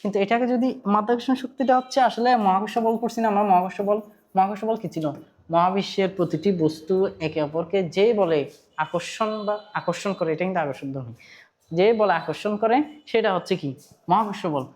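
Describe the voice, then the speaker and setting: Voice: medium pitch, fast, a little mellow. Bangladeshi teacher quizzing students aloud. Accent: Bangladeshi Bengali. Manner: conversational, quizzes students, repeats points, mixes in English terms. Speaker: physics teacher. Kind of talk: online class lecture.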